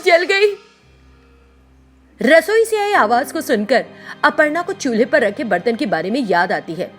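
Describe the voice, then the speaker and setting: A woman with a voice on the high side narrates a scripted children's story, telling it expressively.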